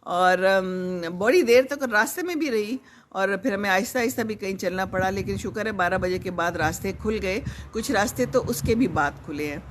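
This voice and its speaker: A woman's voice: medium pitch, normal speed, slight background noise. An older woman from Pakistan, hosting a live stream, chatting in a rambling, conversational way and reading out viewer comments. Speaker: host.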